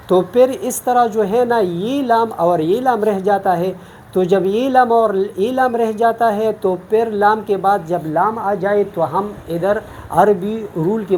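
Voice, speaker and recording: A woman's voice: medium pitch, a little mellow, slight background noise. A woman from Pakistan teaching Quran recitation in an online lesson, explaining each rule patiently, step by step.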